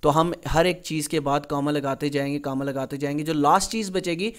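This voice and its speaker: A male English grammar teacher with a lightly raised pitch and fairly even intonation gives a recorded exam-prep lecture in an unhurried style. He reads English example sentences slowly and deliberately, then explains them in Urdu-Hindi, often checking in with "theek hai."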